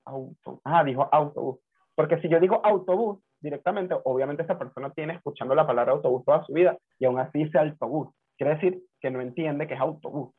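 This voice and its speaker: Husky man on a tinny line. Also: a little high. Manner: reflective, tells personal anecdotes. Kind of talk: casual conversation.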